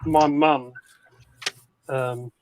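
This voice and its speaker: A man's voice: medium pitch, steady tone, very slow, a little mellow, slight background noise. A man from North East England in casual chat on a video call, rambling with many fillers and restarts.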